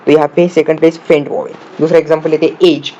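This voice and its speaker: A man explains shorthand step by step, asking the viewer questions and answering them himself, sometimes spelling words out slowly. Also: on the high side, flat delivery, warm tone. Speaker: shorthand teacher. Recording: dull lo-fi audio with faint room noise.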